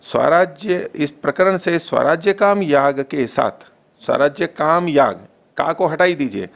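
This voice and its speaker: A man teaching a text study class, reading a translation slowly, repeating phrases and correcting the wording patiently. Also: on the high side, expressive, vocal fry. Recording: dull lo-fi recording.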